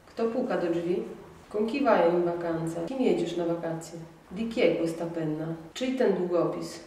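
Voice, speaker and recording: A woman teaching a language lesson, reading example sentences in a measured, clear way and then translating each one. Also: lowish voice, mellow, slight background noise. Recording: echoey room, mic at a distance.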